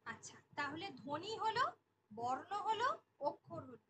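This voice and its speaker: A woman's voice: high voice, big pitch swings, normal speed, fairly bright tone, slight background noise, low-quality recording. A woman teaching an online exam-prep class, repeating each key definition and asking the class questions. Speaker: Bengali teacher.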